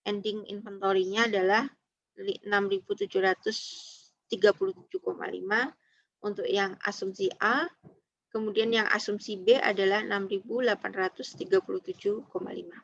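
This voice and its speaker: A woman's voice: medium pitch, steady tone, normal speed, a bit bright, no room sound. A woman lecturer giving an online accounting class, patient, walking through each step and checking if students understand. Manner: patient, explains step by step, tags lines with "ya" and "gitu". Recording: dull lo-fi online call audio.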